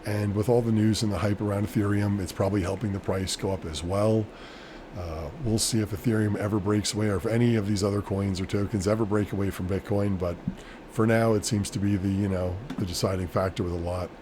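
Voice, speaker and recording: A man with a fairly low voice talks casually to his viewers as a solo vlogger. He rambles in a matter-of-fact, unscripted way. Clear background noise runs behind his voice. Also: fairly even intonation, brisk. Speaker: vlogger, small-scale crypto miner. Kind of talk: casual off-the-cuff solo chat.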